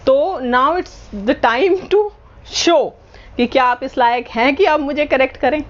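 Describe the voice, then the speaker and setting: Woman vlogger, chatty and playfully teasing, mixes Hindi and English, voice on the high side, dull low-fi recording. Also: slow pace. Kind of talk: casual vlog chat to camera. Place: at home indoors.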